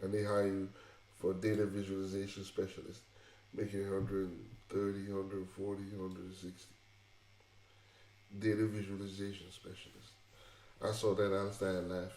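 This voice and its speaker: A man with a fairly low, mellow voice talks through career advice, hammering his points home and circling back over the same phrases. The sound is roomy and echoey. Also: monotone, normal speed. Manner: emphatic and repetitive, restarting phrases. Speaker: tech vlogger. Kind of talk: casual advice monologue.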